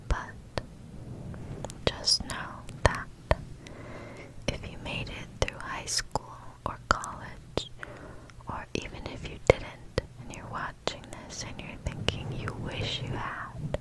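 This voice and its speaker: Female ASMR host, whispered pep talk, extremely unhurried, soothing and encouraging delivery. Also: low-quality recording. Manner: soothing, reassuring, repeats words gently.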